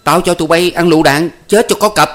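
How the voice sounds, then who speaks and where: A man's voice: fairly high pitch, quick pace, fairly bright tone, faint music behind, pitched above the performer's own voice, close to an everyday voice. A man reading a story, voicing an enraged village man who bellows threats. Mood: bellowing. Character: furious village man, later wounded and faint.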